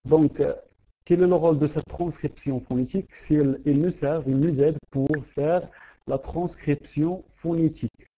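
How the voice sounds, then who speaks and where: Hesitant teacher with a dark voice. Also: male voice, fairly high pitch, fairly even intonation, moderate pace. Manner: hesitant, repeats words and fills with euh. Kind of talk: online lesson. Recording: dull lo-fi audio.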